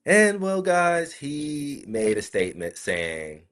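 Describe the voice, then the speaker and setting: A man's voice: a little high, sing-song, slow pace, fairly bright tone. A man from South Carolina, hosting a casual solo podcast and talking to his listeners in a chatty, rambling way. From South Carolina, USA. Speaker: podcast host.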